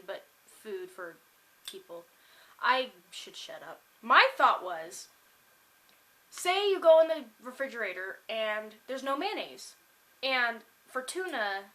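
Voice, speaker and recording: A young woman vlogs from her kitchen in an upbeat, rambling way, her voice bright and a little high. She trails into fillers and restarts as she talks to the camera. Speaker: food vlogger. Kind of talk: casual chatty vlog. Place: home kitchen.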